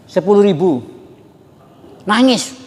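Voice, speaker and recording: A man leads a religious study class, telling stories to his listeners in a high, sharply rising and falling voice. His talk carries a long hall reverb. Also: takes it slowly. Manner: animated storytelling preacher, addresses audience as Pak and Bu. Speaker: religious teacher. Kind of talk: Islamic study lecture.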